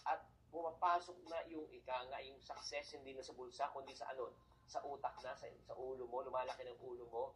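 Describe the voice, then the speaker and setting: Filipino accent, motivational talk, mixing tagalog and english, middle pitch, quiet hum behind. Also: rough recording. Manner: asks rhetorical questions and answers them; switches freely between Tagalog and English. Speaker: motivational speaker.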